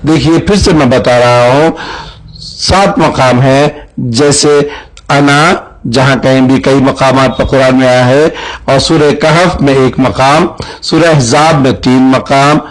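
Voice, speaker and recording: Male tajweed teacher, mid-pitched, patient and repetitive, drawling out example words. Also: fairly even intonation, poor audio. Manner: slow, repeats and drawls words to teach pronunciation. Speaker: Quran recitation teacher. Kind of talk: religious lesson.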